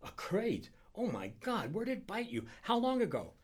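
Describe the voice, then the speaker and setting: A man voicing the storyteller himself as a character, hurried and worried over a sick friend. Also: medium pitch, huge pitch swings, fairly bright tone, slightly rough, exaggerated voice. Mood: alarmed. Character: alarmed man, the narrator, at a sickbed.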